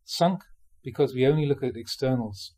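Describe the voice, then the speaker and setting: In a mellow, soft-edged voice with a slight husky grain and a mid-range pitch, a man reads spiritual teachings aloud. Like a monk giving a talk, his phrasing is measured and emphatic as he reads a dharma talk, adding informal asides.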